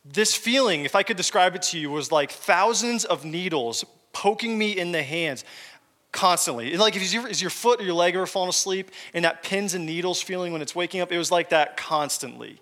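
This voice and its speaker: A man's voice: sits high, expressive, fairly quick, fairly bright tone. A man preaching a sermon, telling a personal story with joking asides to his congregation. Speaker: pastor. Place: church hall with congregation. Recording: long hall reverb.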